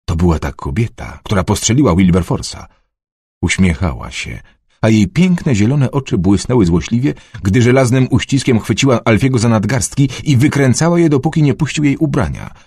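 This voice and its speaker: A man narrating an adventure novel in a dramatic, expressive storytelling manner. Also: mid-range voice, moderate pace, breathy edge, no room sound, clean studio sound. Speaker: audiobook narrator.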